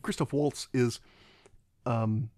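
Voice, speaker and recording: A man's voice: mid-range voice, fairly even intonation, warm tone, no room sound. A man giving a casual, rambling film commentary, often stopping and restarting his sentences. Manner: halting and rambling, many restarts.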